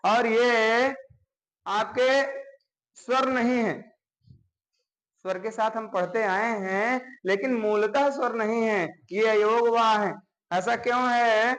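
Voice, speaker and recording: A man's voice: sits high, takes it slowly, fairly bright tone, rough recording. A man teaching a grammar lesson to a class. He explains step by step and keeps checking in with his students.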